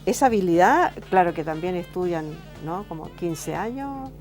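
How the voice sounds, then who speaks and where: A woman's voice: lowish voice, lively intonation, normal speed. Chilean woman asking lots of questions on a talk show, faint music behind her. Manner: curious, asks many questions with short "ya" replies. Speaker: co-host. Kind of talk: casual conversation on a talk show.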